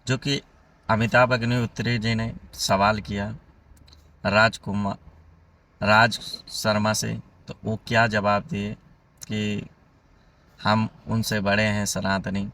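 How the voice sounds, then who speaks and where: A man's voice: lowish voice, slow pace, pauses often, distant mic. A man closing a video for his channel, asking viewers to comment, like and subscribe in a plain, repetitive way. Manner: flat, addresses viewers as friends. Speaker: channel host. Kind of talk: YouTube outro narration.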